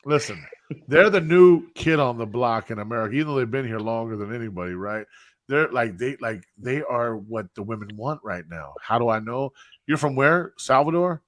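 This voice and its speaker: A man hosts a live-streamed podcast in a loose, talkative way, jumping in and doubling back on his words with lively energy. His voice sits mid-range and the sound is dry and close, with no room around it. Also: medium pitch, normal speed, no echo. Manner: animated, interrupts and repeats himself. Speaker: podcast host. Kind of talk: casual chat.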